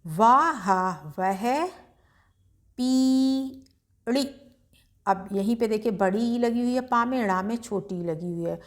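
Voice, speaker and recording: A woman teaching beginners to read Hindi, sounding each word out slowly before explaining it briskly. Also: mid-range voice, lively intonation. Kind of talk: slow syllable-by-syllable reading lesson.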